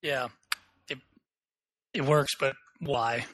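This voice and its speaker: A young man co-hosting a casual tech podcast, opinionated and quick, thinking aloud as he talks. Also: mid-range voice, fairly even intonation, a bit bright, no room sound, rough recording. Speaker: podcast co-host.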